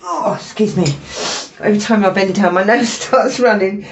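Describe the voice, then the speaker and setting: A woman's voice: mid-range voice, a little slow. A woman with a cold, sniffling as she gives a chatty, apologetic tarot reading to camera with lots of fillers. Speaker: tarot reader. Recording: dull lo-fi recording with faint noise.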